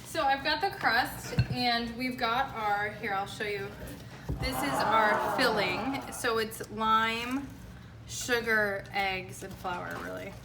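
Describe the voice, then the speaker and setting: High-voiced woman chatting through a bake, echoey. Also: takes it slowly. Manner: chatty, informal, upbeat. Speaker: home baking show host. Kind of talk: casual baking demonstration. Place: indoor home kitchen. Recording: echoey room, distant mic, clear noise.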